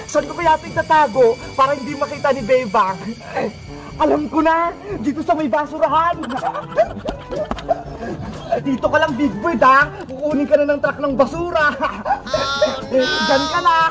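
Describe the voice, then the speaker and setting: A woman's voice: high-pitched, normal speed, close to an everyday voice, low-quality recording. A woman voicing a mischievous, gloating prankster boy who teases as he hides a toy, over background music. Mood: gloating teasing. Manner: teasing, gloating.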